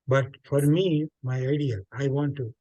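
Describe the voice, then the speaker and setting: A man's voice: medium pitch, fairly even intonation, a little slow, warm tone. An older man with a South Indian accent and Telugu as his native language gives reflective interview answers. He explains at length and repeats phrases for emphasis. The sound is dry, with very little room echo. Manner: expansive, explanatory, emphatic repetition. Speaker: interview guest. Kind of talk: reflective interview talk with anecdotes.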